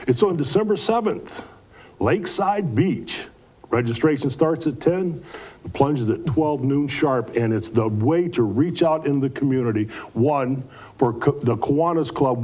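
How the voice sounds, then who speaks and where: A man's voice: medium pitch, a little mellow. A man answering interview questions as a club event organizer, explaining things in a folksy, earnest way with repeated words.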